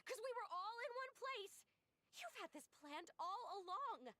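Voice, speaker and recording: A woman's voice: extremely high pitch, animated, unhurried, sharp tone, dry recording, full character voice. A woman voicing a defiant young girl in a game, angry, accusing and desperate.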